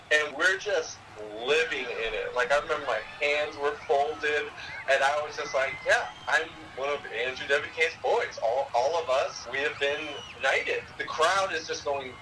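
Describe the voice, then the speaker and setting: Man, 30s, bright voice, fairly high pitch, animated casual storytelling, acts out voices. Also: slight background noise, poor audio.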